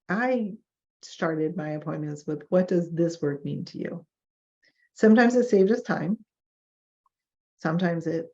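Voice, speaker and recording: A woman's voice: sits low, creaky, mellow. A woman giving a lecture on professional ethics, talking in a conversational way and acting out clients and doctors in quoted asides. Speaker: therapist teaching a professional ethics session. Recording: dull lo-fi lecture recording.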